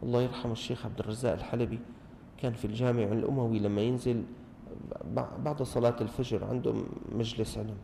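Gravelly Damascene man teaching in a hall. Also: mid-range voice, quick pace, a little hiss or hum. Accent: Damascene Arabic. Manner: animated, rhetorical questions, teasing mimicry. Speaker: religious teacher. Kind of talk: mosque lesson to a gathering. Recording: long hall reverb.

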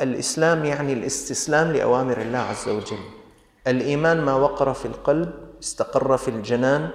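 A man with a Levantine Arabic accent preaching a sermon, scolding his listeners with pointed rhetorical questions. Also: medium pitch. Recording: echoey hall.

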